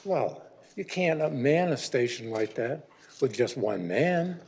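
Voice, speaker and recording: A man's voice: medium pitch, lively intonation, takes it slowly, vocal fry, darkish tone, slight background noise. A man in his eighties giving a rambling, grumbling public comment at a city council meeting. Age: 80s. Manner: rambling and grumbling, with frequent restarts.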